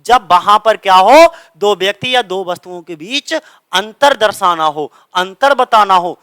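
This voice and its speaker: A young man teaching English grammar for exam prep, explaining step by step, asking and answering his own questions, and reading the English examples slowly. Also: high voice, expressive, sharp tone, clean tone, dry recording. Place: coaching centre classroom.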